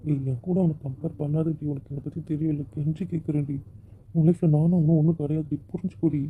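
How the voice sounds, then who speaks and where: A man voicing the husband in an amateur romantic audio drama, often pleading softly. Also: fairly high pitch, flat delivery, quick pace, slight background noise. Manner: pleading, soft-spoken apologies. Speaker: audio drama narrator and lead voice. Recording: tinny phone-like audio.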